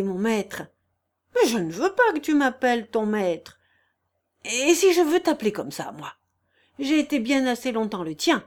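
A woman reading aloud, voicing a jovial, hearty male carpenter who greets everyone in a boisterous, affectionate way. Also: on the high side.

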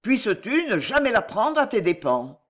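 Reader as male bullfighter, cold, calm, sneering, menacing. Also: mid-range voice, moderate pace, pitched above the performer's own voice.

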